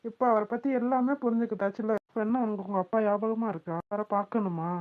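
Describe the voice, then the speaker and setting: A woman's voice: medium pitch, steady tone, quick pace, natural voice. A woman voicing a doting, playful young husband in a cartoon who coaxes his wife affectionately. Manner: affectionate, coaxing. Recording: tinny phone-like sound.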